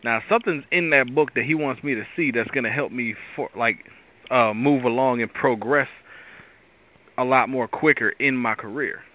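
A tired male host with a raspy voice, giving a rambling devotional talk with many restarts. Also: medium pitch, normal speed. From Pittsburgh area. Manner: rambling, restarts often, preachy asides. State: tired from lack of sleep. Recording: tinny phone-line sound.

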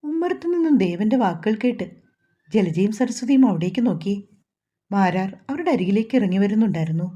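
A woman with a Malayalam accent reading a romantic novel aloud as narrator, voicing every character in a fairly even tone. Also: medium pitch, fairly quick, muffled recording. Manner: reads all characters' dialogue in a mostly even voice. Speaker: story narrator.

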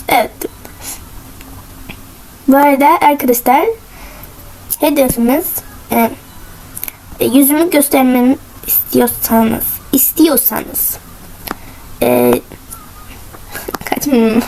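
High-voiced young woman narrating gameplay. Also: gravelly, slight background noise, low-quality recording. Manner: excited, cheering herself on, giggly. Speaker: gaming channel host. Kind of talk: casual gameplay commentary.

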